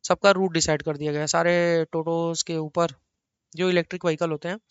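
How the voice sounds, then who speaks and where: A middle-aged man teaching an accounting lecture at a laptop, chatty and animated, repeating words for emphasis and teasing his students in asides. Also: on the high side, brisk, clean tone, no echo, lo-fi sound. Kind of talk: recorded online lecture. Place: small room at a laptop.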